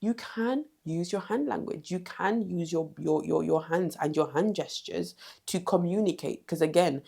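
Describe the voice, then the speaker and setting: A woman's voice: lowish voice, moderate pace, vocal fry, warm tone, breathy edge. A woman giving direct, emphatic confidence advice in a vlog, repeating short commands. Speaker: confidence coach.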